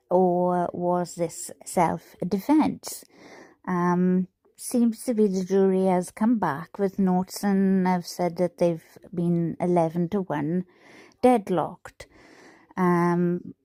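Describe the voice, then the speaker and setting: A woman's voice: lowish voice, warm tone, dry recording. A Welsh woman hosting a livestream, talking casually with many fillers and restarts into a headset mic. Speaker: livestream host covering a trial.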